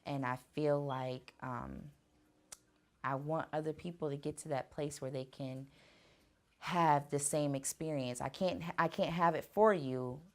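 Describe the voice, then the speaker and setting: A woman singer answering fan questions in a casual vlog, speaking earnestly and reflectively with soft fillers. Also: sits low, fairly even intonation, measured pace. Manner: earnest, faith-driven speaking.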